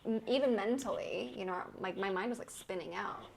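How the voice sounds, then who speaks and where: A woman speaks in a relaxed, conversational way, with a gravelly fry running through her voice. She is frank and animated and slips into quoting her own inner thoughts as she talks. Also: mid-range voice, fairly quick, slight background noise, rough recording. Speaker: podcast host. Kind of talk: casual conversation.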